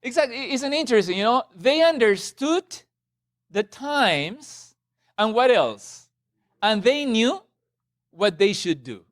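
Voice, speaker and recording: A man's voice: very high voice, sing-song, slow, no echo, clean studio sound. A middle-aged man from Ecuador leading a church seminar in a conversational way, often checking in with his small audience. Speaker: seminar presenter. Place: meeting room with a small audience.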